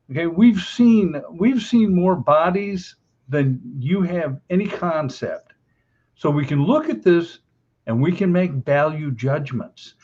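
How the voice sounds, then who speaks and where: An older man speaks slowly and firmly as a veteran investigator on a panel. His commentary is assertive and opinionated. The audio is a little dull. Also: on the high side, darkish tone.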